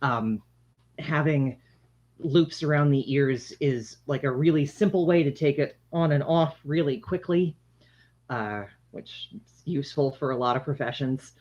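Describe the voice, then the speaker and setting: Mid-pitched voice, livestream host, casual product demo, conversational, explanatory, dull lo-fi audio. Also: a little slow, a little mellow. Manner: conversational, explanatory, addressing viewers. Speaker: livestream host demonstrating handmade face masks. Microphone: shared microphone, sometimes turned away from it.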